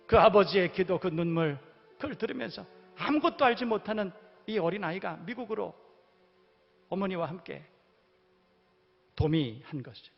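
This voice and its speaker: A man's voice: high voice, expressive, normal speed, creaky, long pauses. A man preaching a sermon as pastor, moving from storytelling to emphatic exhortation. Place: church sanctuary. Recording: long hall reverb, dull lo-fi sound, faint music.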